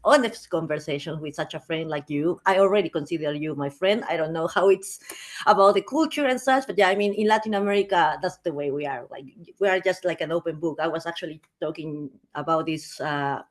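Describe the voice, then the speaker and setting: Chatty Peruvian woman in her thirties. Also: low-pitched. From Peru. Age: 30s. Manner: chatty with frequent fillers and restarts. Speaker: guest speaker. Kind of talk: conversational interview.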